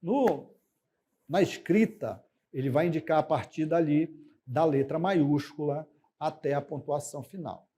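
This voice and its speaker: Brazilian male teacher, fairly high mellow voice, patient explainer who pauses on fillers and checks in with "ok?". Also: breathy edge. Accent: Brazilian Portuguese. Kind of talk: recorded classroom lesson.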